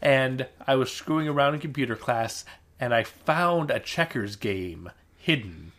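A male podcast co-host talking in loose, easygoing chat. He wanders off onto tangents and tells his stories with wry, understated humor, his voice sitting at an ordinary middle pitch. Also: expressive, measured pace, a bit bright. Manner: rambling, digressive, wry. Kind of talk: casual chat recapping a dating show.

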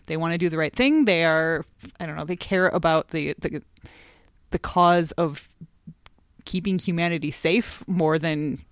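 A woman's voice: sits low, smooth, no room sound. A woman co-hosting a podcast, chatting enthusiastically about a TV episode with the occasional dry, sarcastic aside. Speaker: podcast co-host. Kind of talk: casual chat about an old TV episode.

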